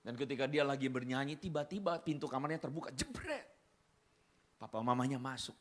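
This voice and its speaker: A male pastor preaching a sermon in church, telling stories with animated asides and English words mixed in. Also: mid-range voice, a little fast.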